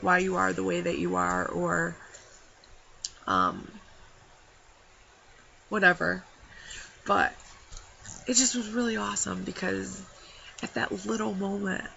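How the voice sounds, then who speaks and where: A young woman speaks openly to the camera, rambling and heartfelt with lots of fillers. Her voice is bright with a gravelly fry at the ends of phrases. The audio is dull and lo-fi with a faint hiss behind her. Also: on the low side. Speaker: vlogger. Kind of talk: personal talk to camera.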